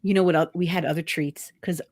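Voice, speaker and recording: A woman hosting a podcast, casually recounting a trip with pauses and fillers. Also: fairly low pitch, steady tone, darkish tone. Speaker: podcast host. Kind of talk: casual chat.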